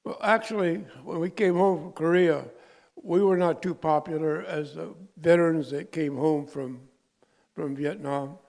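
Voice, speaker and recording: Older veteran, gravelly voice, halting delivery, a man from California. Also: fairly high pitch, fairly even intonation, darkish tone. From California, USA. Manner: halting, searching for words. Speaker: veteran interviewee. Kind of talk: personal interview.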